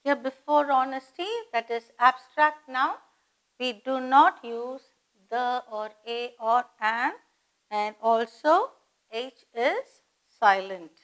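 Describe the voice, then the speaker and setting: Slow, high-voiced woman teaching grammar. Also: a bit bright, low-quality recording. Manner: slow and deliberate, spelling words out and asking rhetorical questions. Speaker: English teacher. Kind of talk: grammar lesson for exam students.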